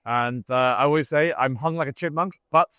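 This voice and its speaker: A man's voice: a little high, a little fast, pushed and bright, smooth, no room sound. A man who grew up in Scotland, speaking with a posh English accent, talking bluntly and provocatively as an interview guest. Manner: blunt, provocative, laughs at own jokes. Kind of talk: casual interview talk.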